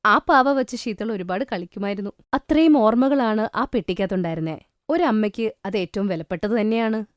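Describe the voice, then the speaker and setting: A woman narrating a cartoon bedtime story in a gentle, emotional, scripted way. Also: mid-range voice, fairly quick, no echo, clean studio sound.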